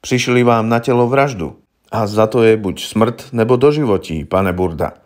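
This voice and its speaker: A man's voice: fairly low pitch, close to an everyday voice. A man voicing a young, naive defense lawyer who speaks formally and patiently, explaining things to his client. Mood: earnest.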